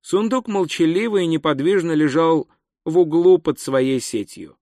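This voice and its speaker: A man reading an audiobook as narrator, telling the story in a measured, wry manner. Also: a little high, darkish tone, no echo, studio quality. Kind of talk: scripted narration. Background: faint music.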